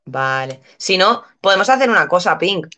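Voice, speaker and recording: A woman's voice: lowish voice, lively intonation, moderate pace, pushed and bright. A woman hosting a podcast, chatting playfully and laughing often while trying out Basque phrases. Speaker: podcast host. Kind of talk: casual chat, learning Basque phrases.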